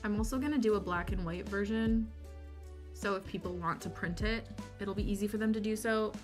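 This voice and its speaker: Her voice sits in the mid-range and moves fairly quickly. A worn-out woman from the US with a Michigan accent, she hosts a co-working livestream, rambling chattily and self-deprecatingly while answering questions from chat over lofi music.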